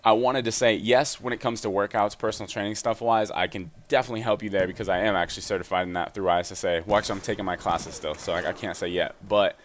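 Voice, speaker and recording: Young man, low voice, rapid casual gaming voice-over commentary. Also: a little hiss or hum. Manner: fast, energetic and chatty. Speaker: gaming YouTuber giving fitness advice.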